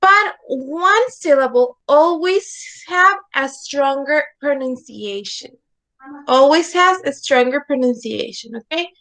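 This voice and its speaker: An animated woman with a high, fairly bright voice teaches English slowly in an online class, and the audio is poor. She repeats words patiently and asks "okay?" again and again.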